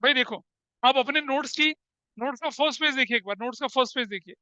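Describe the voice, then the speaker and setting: Bright high-voiced male teacher, questioning. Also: fast, no room sound, muffled recording. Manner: questioning, repeats points, calls students "beta". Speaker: accountancy teacher. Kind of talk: classroom lecture mixing Hindi and English.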